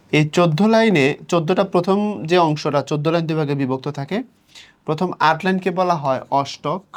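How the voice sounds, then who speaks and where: A young man leads an exam-prep lesson, his voice sitting a little high for a man. He explains patiently, counts syllables out slowly one by one, and puts on the questions his students might ask. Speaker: teacher.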